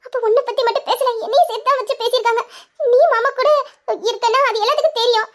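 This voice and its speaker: A woman's voice: extremely high pitch, steady tone, rapid-fire. A woman voicing a cheerful young woman who laughs as she soothes her worried elder sister. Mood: puzzled. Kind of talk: Tamil audio story acting.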